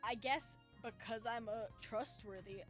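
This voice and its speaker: A woman streaming a dating game, chatting playfully and reacting out loud to what happens. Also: a little high, steady tone, unhurried. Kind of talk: casual gameplay commentary. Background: game music.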